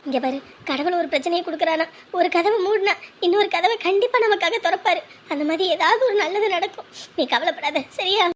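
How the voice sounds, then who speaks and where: A woman's voice: very high voice, fairly quick, a little hiss or hum. An actress playing a weary middle-aged mother who scolds and comforts her indebted grown daughter in a family drama. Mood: soothing. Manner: scolding, then soothing. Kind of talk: family web drama acting.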